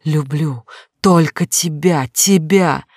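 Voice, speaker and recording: A man's voice: fairly high pitch, slow pace, no room sound, studio quality. A man voicing a desperate, defiant young woman lover in an audiobook, pleading and provocative.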